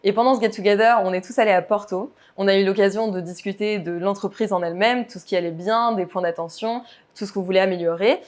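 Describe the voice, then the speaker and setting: A woman's voice: medium pitch, fairly even intonation, fast, a little mellow. A woman in her twenties who grew up in the United States, an in-house lawyer describing her work in an earnest, explanatory way in a company profile interview.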